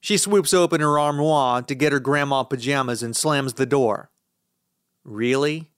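A man's voice: mid-range voice, normal speed, a bit bright, clear, resonant tone, no room sound, studio quality. A man reading a first-person novel aloud in a wry, sardonic tone. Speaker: audiobook narrator. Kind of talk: first-person scripted narration.

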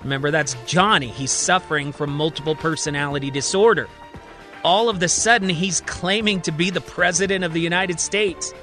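A man's voice: fairly high pitch, normal speed, sharp tone, faint music behind. A man narrating his own audio drama in a conversational, recapping storyteller manner. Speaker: writer and narrator.

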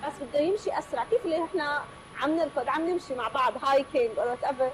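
High-pitched, very fast Levantine Arabic-speaking woman. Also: slight background noise, rough recording. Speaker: podcast guest. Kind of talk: casual conversational interview, mixing in English words.

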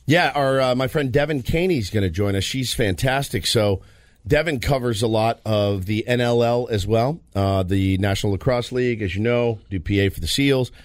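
A man's voice: mid-range voice, normal speed, no room sound. American man in dry, casual sports talk. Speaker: sports radio co-host. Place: radio studio.

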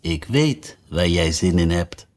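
A man voicing a brisk, bossy queen who shouts high commands and tacks on chatty tag questions. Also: sing-song. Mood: kindly.

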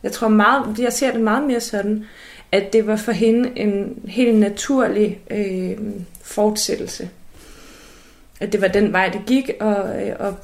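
A woman's voice: medium pitch, steady tone. A woman speaking reflectively in an interview, thoughtful and a little hesitant.

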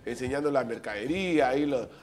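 A middle-aged Peruvian man with a Peruvian Spanish accent, hosting a casual chat in a lively, joking way and laughing often. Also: medium pitch, quick pace. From Peru. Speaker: podcast host.

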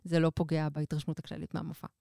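A woman co-hosting a podcast, reviewing in casual chat, talking with many filler pauses. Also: sits low, monotone, creaky, dark tone, dry recording, clean studio sound. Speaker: podcast co-host, culture reviewer.

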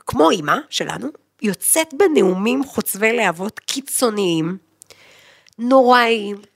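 A woman co-hosting a podcast, talking frankly in casual chat, mocking herself and launching into animated rants. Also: fairly high pitch, vocal fry, dry recording, clean studio sound. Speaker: podcast co-host. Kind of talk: candid conversational podcast chat.

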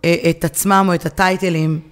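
A woman with an Israeli accent co-hosting a casual discussion, often pausing to search for her words. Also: fairly low pitch, little pitch movement, clean tone. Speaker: podcast co-host.

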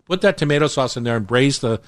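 A man's voice: medium pitch, animated, fast talker. A man hosting a casual radio cooking show, teasing and easygoing with his guest chef. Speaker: radio host.

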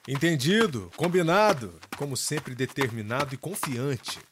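A man's voice: medium pitch, lively intonation, unhurried, background noise. A man with a Brazilian Portuguese accent hosting a podcast, narrating in an upbeat, announcer-like way. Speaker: podcast host. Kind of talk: scripted narration.

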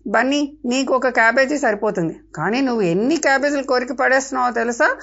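A woman voicing a bossy young girl who scolds sharply in a high voice. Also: fast, fairly bright tone. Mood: scolding. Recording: dull lo-fi with faint music.

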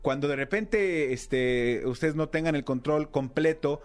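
A man with a Mexican accent, co-hosting a casual comedic chat and telling a story in an animated, jokey way with plenty of fillers. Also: fairly high pitch, unhurried. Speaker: podcast co-host telling a news story.

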